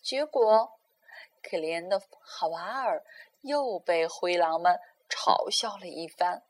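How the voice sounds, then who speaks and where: A woman storyteller reading a children's story aloud in a gentle, expressive way. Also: on the low side, takes it slowly.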